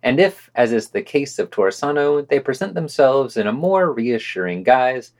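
Male podcast co-host, news-roundup reader, animated intonation, dry sarcastic commentary. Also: medium pitch, normal speed. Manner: sardonic, opinionated asides between read quotes.

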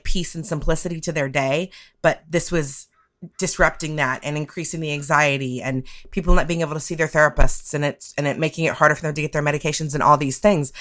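A deep-voiced American woman with a fairly bright tone appears as a guest on a podcast, discussing the topic of the week. Her casual chat is wry, reflective and rambling.

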